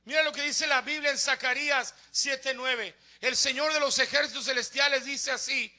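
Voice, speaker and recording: A man's voice: extremely high pitch, fairly even intonation, moderate pace, pushed and bright. A man, a pastor preaching a sermon, telling stories and acting out the people he quotes, building to emphatic appeals. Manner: storytelling preacher who acts out the voices of people he quotes.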